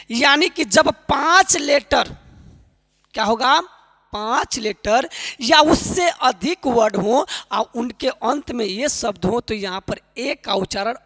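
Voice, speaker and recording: A woman's voice: a little high, a bit bright. A woman teaching a spoken English class, explaining pronunciation rules and quizzing her listeners again and again with friendly encouragement. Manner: keeps quizzing listeners with repeated questions; affectionate, encouraging teacher talk. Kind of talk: online class lecture. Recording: long hall reverb.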